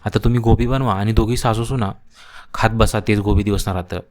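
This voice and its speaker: A man's voice: lowish voice, steady tone, brisk, darkish tone, natural voice. A man doing a defiant young woman. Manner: firm, defiant. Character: defiant young sister-in-law taking a stand.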